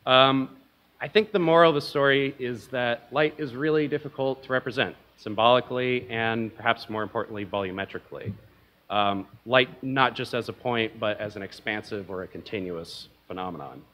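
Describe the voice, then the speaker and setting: A young man at a lectern presents at an academic conference in a mid-range, slightly bright voice at normal speed. He speaks casually, with plenty of ums and uhs and self-deprecating humor.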